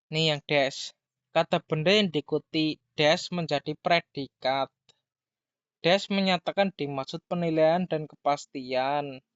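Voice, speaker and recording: A man giving a grammar lesson, who talks slowly, repeats key words and reads example sentences aloud. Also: a little high, clear, resonant tone, no echo. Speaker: language teacher. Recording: dull lo-fi dry sound.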